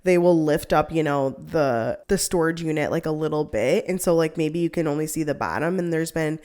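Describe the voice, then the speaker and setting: A woman's voice: sits low, brisk, a little mellow. A young woman co-hosting a casual chat, rambling with lots of "like" and frequent laughter. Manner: rambling, heavy use of "like", laughs often. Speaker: co-host.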